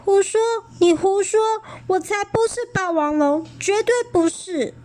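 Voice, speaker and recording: A woman putting on a little dinosaur boy for a storybook, his voice pitched very high and childlike, trembling and stammering as tears come. He speaks slowly, each word drawn out. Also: animated, warm tone. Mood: tearful protest. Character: young dinosaur boy, frightened and tearful.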